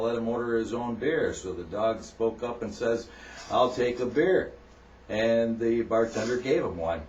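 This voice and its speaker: A man telling a long joke on a talk show, halting often with fillers and restarts. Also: medium pitch, a little mellow, a little hiss or hum. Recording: echoey room, distant mic, muffled.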